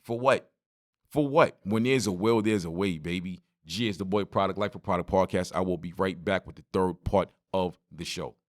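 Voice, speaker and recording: New guy in his 40s doing a solo podcast, kinda low voice, loud animated storytelling. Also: normal speed. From Brooklyn, New York. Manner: animated storytelling, street slang, talks straight to listeners. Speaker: podcast host.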